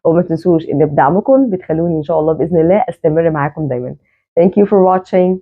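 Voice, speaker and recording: A woman with an Egyptian Arabic accent teaching an English grammar lesson, repeating words slowly so learners can follow. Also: low voice. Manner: slow, repeats words to drill them. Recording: tinny phone-like sound.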